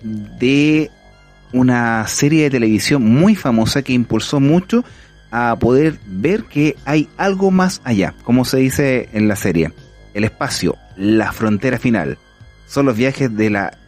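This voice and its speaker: A man's voice: mid-range voice, lively intonation, a little slow, darkish tone, soft background music. A man with a Chilean accent hosting a casual podcast, an enthusiastic, rambling storyteller. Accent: Chilean Spanish. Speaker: podcast host.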